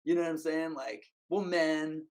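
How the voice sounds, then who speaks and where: Rambling man with a higher voice. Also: flat delivery, moderate pace, darkish tone. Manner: rambling, filler-heavy, emphatic. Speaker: podcast guest. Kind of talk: casual conversation.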